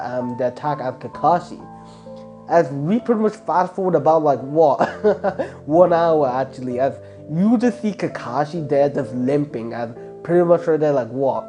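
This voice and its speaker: Guy rambling thru a fan story, kinda high voice, soft mellow tone, lots of um and like. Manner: rambling, heavy filler words and restarts. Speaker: fan fiction narrator. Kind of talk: casual improvised story narration.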